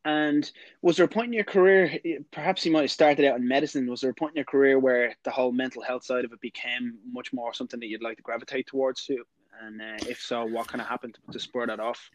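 A male podcast host with a medium-pitched voice. He chats casually as he introduces and questions, in a very dry sound without room echo. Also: steady tone, fast talker.

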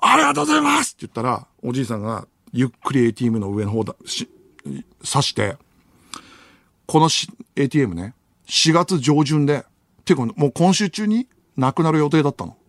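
A man's voice: mid-range voice, brisk, no room sound, studio quality. A man hosting a late-night radio show, telling a long story with sound effects and bursts of laughter. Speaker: radio host. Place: radio studio. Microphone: studio microphone.

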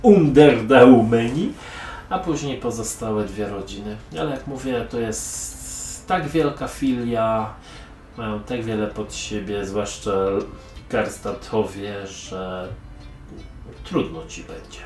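A man's voice: on the low side, takes it slowly. Guy voicing a condescending sarcastic young merchant woman, tabletop game, echoey room with music playing. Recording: echoey room, mic far off, music behind.

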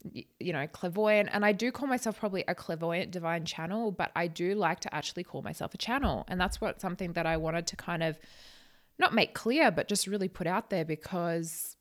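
Woman, lowish voice, casual podcast host, nervous, talkative, stumbles and rephrases. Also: brisk. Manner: nervous, chatty, stumbling over words. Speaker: podcast host, psychic channel. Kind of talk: casual solo podcast talk.

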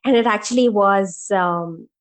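A woman co-hosting a casual podcast, telling a story in a lively way and acting out the voices she quotes. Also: medium pitch, unhurried. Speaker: podcast co-host.

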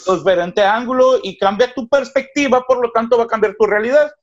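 High-voiced Mexican man telling a story. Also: brisk. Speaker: teacher. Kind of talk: storytelling in conversation. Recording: dull lo-fi audio.

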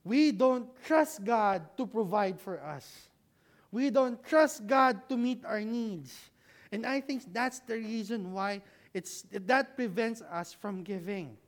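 A preacher delivering a sermon at an unhurried, deliberate pace. The voice sits at an ordinary middle pitch. They pose rhetorical questions, answer them, and keep checking in with the listeners with a quick "right?". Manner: conversational, humorous asides to the congregation.

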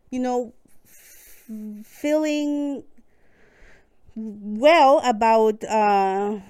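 A woman's voice: mid-range voice, smooth, dry recording. Chatty woman with a Costa Rican accent. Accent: Costa Rican Spanish. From Costa Rica. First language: Spanish. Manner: warm, chatty, laughs often. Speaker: guest. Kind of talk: casual conversation.

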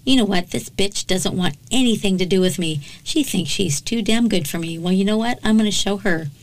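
A woman's voice: mid-range voice, brisk, lightly acted. A woman reading the lines of a resentful, threatening male criminal in a true crime story, in a coarse manner. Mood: menacing. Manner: coarse, threatening, self-justifying.

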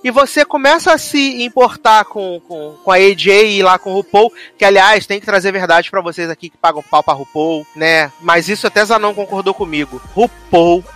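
A man with a Brazilian accent chatting casually as a host, retelling a series plot in an animated way and acting out the characters' lines. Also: sits high, moderate pace, hardly any pauses, faint music behind. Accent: Brazilian Portuguese. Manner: animated storyteller acting out quotes. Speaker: podcast host reviewing a series. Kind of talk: casual chat.

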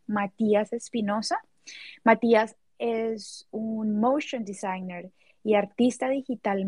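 A woman's voice: mid-range voice, darkish tone, no room sound. A woman hosting a podcast, reading a guest introduction and asking friendly questions. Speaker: podcast host. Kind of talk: interview hosting.

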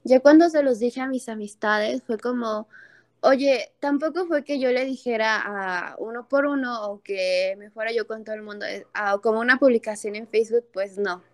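Young Mexican woman, higher mellow voice, heartfelt personal storyteller. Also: moderate pace. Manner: earnest, heartfelt, with many fillers and restarts. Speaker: speaker telling a personal story.

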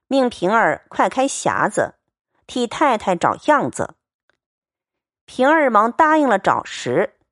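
A woman narrating a classic novel as an audiobook, in expressive, lively storytelling. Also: medium pitch, dry recording, studio quality.

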